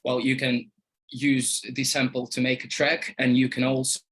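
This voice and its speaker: Male project presenter, mid-range voice, halting delivery, informal startup pitch. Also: completely flat delivery, fairly bright tone, slightly rough. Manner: hesitant, frequent filled pauses.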